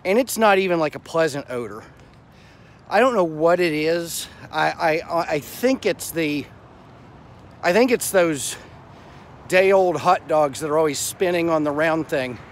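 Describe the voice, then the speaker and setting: A man's voice: on the high side, expressive, measured pace. Middle-aged man vlogging on a walk, noisy outdoors. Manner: talking while out walking, blunt and salty. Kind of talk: casual chat to camera while walking. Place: outdoors on suburban sidewalks and park paths. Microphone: phone at arm's length, wired earphones worn. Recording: noisy outdoor phone recording with traffic.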